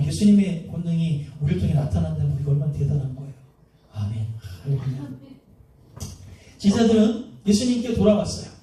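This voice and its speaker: A man preaching a sermon as pastor, animated, asking the congregation questions and acting out little voices. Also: high-pitched. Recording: echoey room from a distance.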